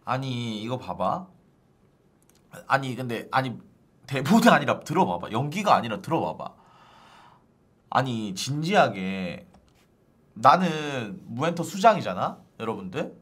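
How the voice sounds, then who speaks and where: A man's voice: mid-range voice, sing-song, a little slow, long pauses, a bit bright. A male streamer ranting to his viewers in casual live-stream chat, exasperated and starting lines over and over. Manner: exasperated, ranting, repeats "아니" constantly.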